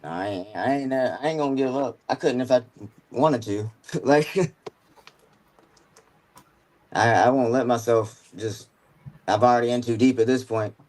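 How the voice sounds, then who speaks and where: A man's voice: mid-range voice, unhurried, pauses often, a little mellow, poor audio. A man in his mid-twenties talking about his music as a guest, rambling and slangy with lots of filler words. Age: 20s. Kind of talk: casual chat.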